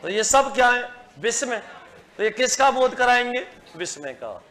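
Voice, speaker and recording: A man teaching a grammar class, dictating slowly, repeating phrases and quizzing his students. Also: extremely high pitch, very animated, fairly bright tone.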